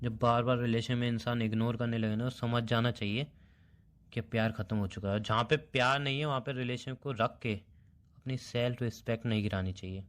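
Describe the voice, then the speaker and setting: A man's voice: mid-range voice, fairly even intonation, a little fast, close to an everyday voice. A young man playing a boyfriend who feels ignored, reproachful and sarcastic toward his girlfriend. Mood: resigned. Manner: reproachful, sarcastic, quietly bitter. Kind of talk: amateur romantic audio drama.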